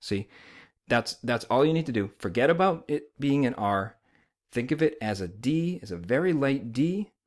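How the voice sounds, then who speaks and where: A man's voice: mid-range voice, animated, normal speed. A man with an American accent explaining as a language teacher, conversational and often checking that the learner follows. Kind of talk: informal instructional explanation.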